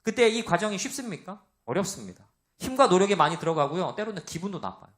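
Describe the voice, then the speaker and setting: Young male pastor, loud and animated, sermon delivery, fairly high voice with a lively swinging pitch. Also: fast talker. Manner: animated, acts out quoted voices, asks the congregation questions.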